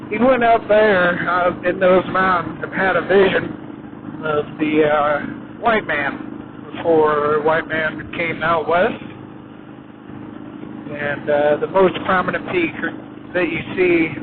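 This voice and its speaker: A man talking from inside a helmet as he rides, giving casual motovlog commentary in a halting, unhurried way with many pauses. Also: a little high. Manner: halting, unhurried, pausing often. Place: inside a helmet, riding a motorcycle on the highway. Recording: muffled inside helmet, motorcycle wind noise. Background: motorcycle engine and road wind, loud.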